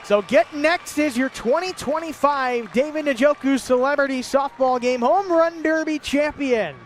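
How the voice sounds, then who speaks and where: A man with a very high voice gives play-by-play for a charity softball game. His calls of long drives are lively, and he fills the gaps with chatty asides. A light hiss sits under the voice. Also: a little slow, some chatter behind. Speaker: play-by-play announcer. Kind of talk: live sports commentary.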